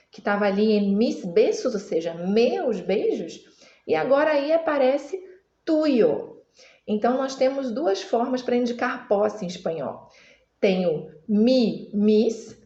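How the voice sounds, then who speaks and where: A woman whose first language is Portuguese, patiently explaining song lyrics in a Spanish lesson and repeating words slowly for practice. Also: on the high side, a little mellow. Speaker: Spanish teacher. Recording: echoey room, slightly dull sound.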